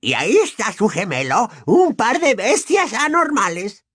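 A man's voice: high-pitched, big pitch swings, a little slow, fairly bright tone, no room sound, studio quality, voice pushed up, heavily acted. A man voicing a bitter, servile old male house-elf who mutters spitefully under his breath in an audiobook. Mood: muttering, spiteful. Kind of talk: audiobook character voice.

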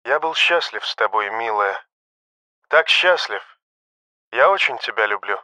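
A man voicing a calm young male ship engineer who speaks very quietly and tenderly to the woman he loves. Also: medium pitch, a little fast, no echo, studio quality.

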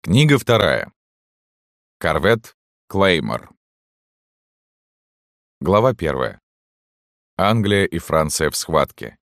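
A man narrating a classic novel as an audiobook, in a measured, steady way. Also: low-pitched, vocal fry, dry recording, studio quality. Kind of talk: scripted literary narration.

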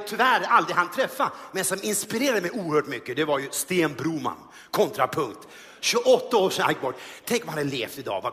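Animated male stand-up comedian on stage. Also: a little high. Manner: animated, self-mocking storytelling. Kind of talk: live stage comedy monologue. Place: large theater stage. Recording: hall reverb on a live stage.

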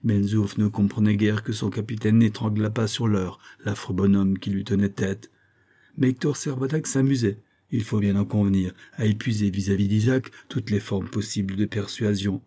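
Brief: male narrator for a classic novel, mellow tone, measured delivery. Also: on the low side, fairly even intonation. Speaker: audiobook narrator.

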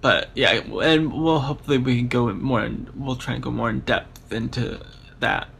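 A man's voice: mid-range voice, normal speed, gravelly, a bit bright, slight background noise. A man co-hosting a podcast, chatting casually about a book and rambling through half-finished thoughts. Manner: rambling, with restarts and trailing-off thoughts. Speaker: podcast co-host.

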